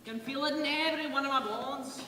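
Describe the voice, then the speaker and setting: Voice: high voice, a little fast, background noise, lightly acted. A stage performer playing a boastful, blustering old pirate sea dog with salty dialect. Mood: ominous. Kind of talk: stage theatre acting. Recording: echoey theatre hall, distant mic, music.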